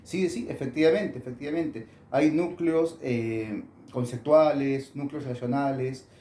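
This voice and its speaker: A man's voice: medium pitch, measured pace, warm tone, reverberant, slight background noise. A man, an author answering interview questions in a thoughtful way with many fillers and restarts.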